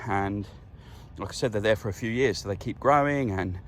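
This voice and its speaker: A man's voice: on the low side, brisk. Easygoing man talking on a farm. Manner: chatty, relaxed, explains as he works. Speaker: vegetable grower. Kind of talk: casual farm vlog narration. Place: outdoors on a vegetable farm.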